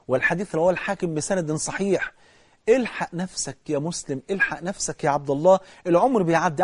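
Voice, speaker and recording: A man with an Egyptian accent preaching an impassioned sermon, swinging from loud to hushed and chanting scripture slowly. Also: fairly high pitch, slightly rough, no room sound. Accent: Egyptian Arabic.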